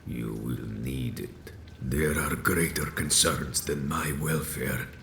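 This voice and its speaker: Very deep, echoey wounded vampire elder. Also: male voice, vocal fry, a bit bright, exaggerated voice. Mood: urgent, foreboding. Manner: slow, grave, theatrical, archaic formal phrasing. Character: wounded, aged male vampire sect leader, grandiose, bitter. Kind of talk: dramatic video game voice acting. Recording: echoey room with faint noise.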